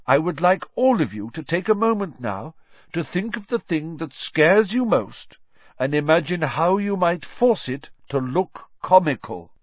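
A man voicing a cheerful, thoughtful teacher of magic in an audiobook, with a deliberate, encouraging manner. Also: on the high side, very animated, no room sound, lo-fi sound, pitched above the performer's own voice. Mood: emphatic, coaching. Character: cheerful, reassuring, thoughtful male schoolteacher of magic. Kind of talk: audiobook character reading.

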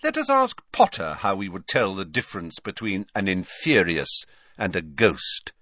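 A man's voice: deep voice, sing-song, moderate pace, fairly bright tone, no room sound, clean studio sound, heavily acted. A man voicing a cold, sneering male teacher with a bored, mocking drawl.

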